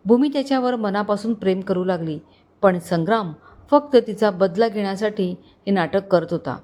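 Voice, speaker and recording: A woman storyteller narrating a dramatic family story, expressive and vivid. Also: normal speed. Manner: expressive, voices characters with rising pitch in tense moments.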